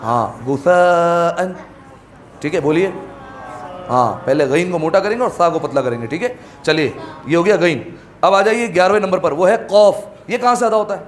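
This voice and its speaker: A man teaching tajweed pronunciation to a class, slowly stretching out Arabic sounds for students to repeat and then explaining quickly. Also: high-pitched, lively intonation. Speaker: Quran recitation teacher.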